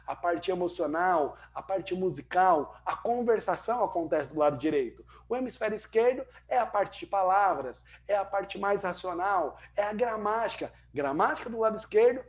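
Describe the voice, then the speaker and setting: A man with a Brazilian Portuguese accent teaching an online English lesson, lively and talking straight to the viewer with rhetorical questions. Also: high-pitched.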